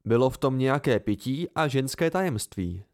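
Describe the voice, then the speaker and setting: A man voicing a calm, dry-humored young man who speaks in a measured way, in an amateur audiobook. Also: medium pitch, lightly acted.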